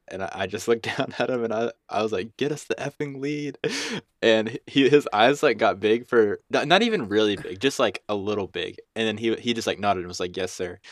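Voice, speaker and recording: A man's voice: lowish voice, no room sound, studio quality. A young man co-hosting a casual podcast, rambling and self-deprecating, with lots of restarts and fillers. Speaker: podcast co-host and youth basketball coach.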